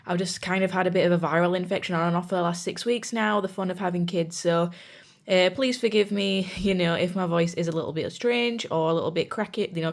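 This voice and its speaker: A young British woman with a lowish, fry-laden voice reads tarot in a chatty, reassuring pick-a-card session. She has a sore throat, so her voice cracks now and then, and she keeps saying "you know" and "guys."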